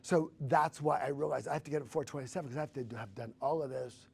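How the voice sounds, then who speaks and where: A man in his fifties talks through a personal story with earnest feeling, often slipping in a casual "like." His voice is gravelly with a husky edge, pitched in a middling range. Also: fast talker, a little mellow. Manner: earnest and emotional, with casual "like" fillers. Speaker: guest sharing his story.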